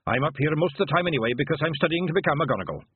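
A man voicing an eager young male pixie warrior with a Scottish accent, speaking in a high, earnest, dutiful way. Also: expressive, rapid-fire, breathy edge, no room sound. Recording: tinny phone-like sound.

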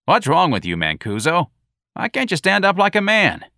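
A man voicing an irritable, bullying police sergeant who shouts at a subordinate, in a read-aloud story. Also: fairly low pitch, animated, moderate pace, dry recording, clean studio sound. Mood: gruff. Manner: gruff, shouting.

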